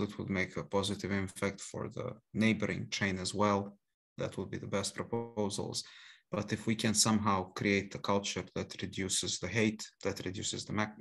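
A man speaking on a video call as a panelist, earnest and measured. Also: lowish voice, vocal fry, a bit bright. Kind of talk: casual online presentation.

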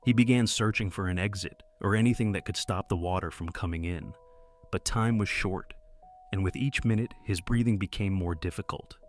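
Male horror-story narrator, deep and steady, scripted first-person telling. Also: moderate pace, slight background noise.

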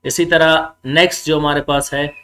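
A male grammar teacher giving a classroom lecture, mixing explanation with slow, spelled-out English examples and answering his own rhetorical questions. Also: a little high, level tone, bright, forceful tone. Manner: asks himself rhetorical questions and then answers them.

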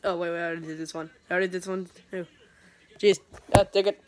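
A woman dubs a webcomic, reading it aloud and changing voices for each character while filming her tablet with a phone in a dim room. Her voice is fairly low and steady, delivered at a quick pace, with a little hiss or hum on the recording.

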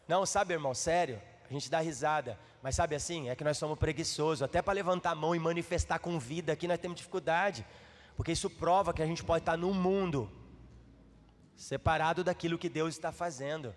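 A Brazilian man preaches to his congregation with an animated, coaxing manner, teasing them to respond. His voice sits a little high for a man. It carries a long reverb from the church hall around him. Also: a little fast. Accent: Brazilian Portuguese. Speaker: pastor. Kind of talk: sermon.

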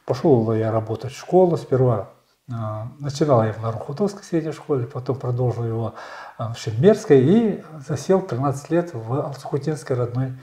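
Man in his 60s telling his life story in an interview, lots of ums, mellow tone, echoey room. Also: mid-range voice, lively intonation. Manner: measured, storytelling, frequent hesitations. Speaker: election candidate. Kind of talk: interview answers. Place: small bright studio.

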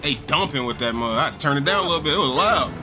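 A man's voice: fairly high pitch, expressive, quick pace, background noise. A young man streaming a game, reacting with loose, joking slang commentary. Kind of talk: casual live gameplay commentary.

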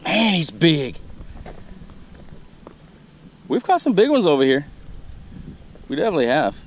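A man, chatting excitedly to viewers about a catch while standing on a riverbank outdoors, recorded on a chest-mounted camera. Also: on the high side, fairly quick. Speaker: fishing vlogger. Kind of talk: casual outdoor vlog. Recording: outdoor recording with faint nature noise.

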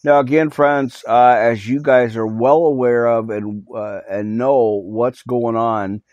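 Recorded on a cell phone in a small home studio, a man who pastors a podcast reads scripture and shares a live prayer update, stumbling through fillers and restarts while earnestly calling listeners to repent, his voice still recovering from being lost. His mid-range voice is steady and darkish, with no room sound and dull audio.

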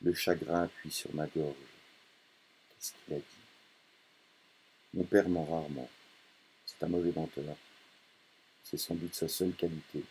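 Male reader, dark mellow tone, first-person novel narration, measured delivery. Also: a bass voice, flat delivery, breathy edge. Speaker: audiobook reader. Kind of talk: literary audiobook narration.

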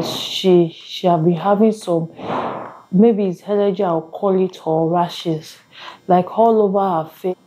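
A woman's voice: lowish voice, mellow, slightly rough, low-quality recording. A young woman talking casually to camera at home, rambling with restarts and pidgin asides. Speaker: vlogger mother. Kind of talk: casual vlog talk to camera. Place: home, indoors.

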